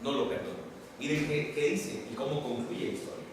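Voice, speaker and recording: A man's voice: fairly high pitch, fairly quick, background noise. A man preaching a sermon, retelling a parable and putting questions to the congregation. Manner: animated, asks the congregation questions. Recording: very echoey room from far off.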